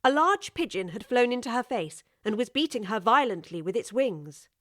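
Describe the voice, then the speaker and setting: This is an audiobook story read by a woman whose voice is slightly high. Her delivery is measured and expressive, and the recording is dry, with no room sound.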